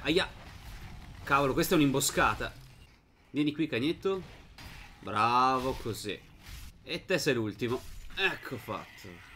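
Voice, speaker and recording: A young man hosts a gaming channel, talking through a dark fantasy game in a loose, chatty way. His voice is bright and forward, and he talks to his viewers and to the game's characters as he plays. During tense fights his voice climbs into sudden excited shouts. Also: mid-range voice, measured pace, long pauses, slight background noise. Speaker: gaming video host. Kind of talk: casual let's-play commentary.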